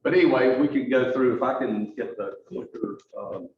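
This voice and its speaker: Halting man in a roomy meeting hall. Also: medium pitch, creaky, background noise. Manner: halting, restarts often, storytelling. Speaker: guest speaker for a charity. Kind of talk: presentation talk with slides. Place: meeting room. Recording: roomy, distant, dull mic.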